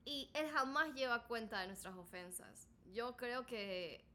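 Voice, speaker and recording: A woman in a casual faith podcast chat, reading Bible verses slowly and reflecting on them with a teasing humor. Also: a little high, expressive, pushed and bright, slight background noise. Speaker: co-host.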